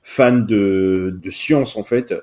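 A man's voice: fairly low pitch, very slow, darkish tone. A man co-hosting a casual chat, enthusiastic, often restarting his sentences. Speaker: podcast co-host. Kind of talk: casual chat about manga.

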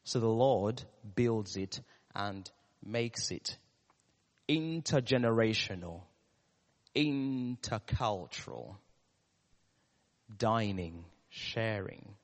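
A male preacher with a Ugandan, East African accent speaks in a reverberant hall. His delivery is slow and deliberate, with pauses and repeated key words. He turns to the congregation with questions as he preaches. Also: on the low side, expressive. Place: large reverberant room, live church service. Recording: echoey hall with long reverb.

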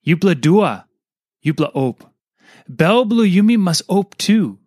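A man with a Papua New Guinean accent reads a scripted devotional in Pidgin, in short measured phrases. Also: high-pitched, big pitch swings, darkish tone, slightly rough, no room sound, clean studio sound. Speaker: devotional reader.

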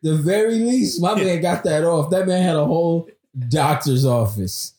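A man talking in a casual chat as a podcast co-host, animated and laughing through his stories. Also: a little high, moderate pace, reverberant.

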